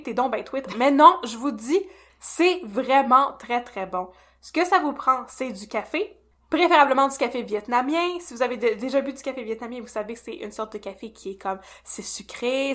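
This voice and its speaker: A woman with a Québécois French accent co-hosts a podcast, chatting casually in a playful way. Her voice is a little high and fairly bright.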